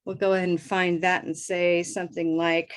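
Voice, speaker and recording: Upbeat middle-aged American woman, online pronunciation teacher, slow repetitive drilling. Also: on the low side, little pitch movement. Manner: upbeat, drills words by repeating them slowly. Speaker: host and English pronunciation teacher. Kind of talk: live online pronunciation lesson.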